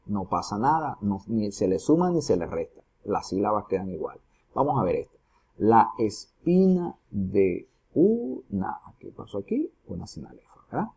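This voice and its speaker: A male teacher walks through a recorded lesson step by step, often asking questions and then answering them himself. His voice is low, dark and slightly husky. His pitch swings widely between phrases. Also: sing-song, brisk. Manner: explains step by step, asks students rhetorical questions. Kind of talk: recorded lesson on poetry metrics.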